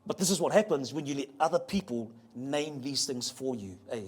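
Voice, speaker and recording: A man's voice: medium pitch, animated, darkish tone. A man giving a public talk to a live audience, playful and joking, spelling out how words sound and getting the crowd to repeat them. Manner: spells out pronunciation slowly. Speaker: speaker on ocean voyaging heritage. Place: museum talk venue.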